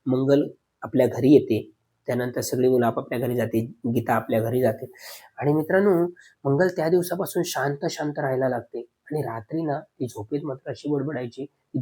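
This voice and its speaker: A man narrating a spoken horror story, addressing listeners as friends, with dramatic pauses. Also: medium pitch, warm tone.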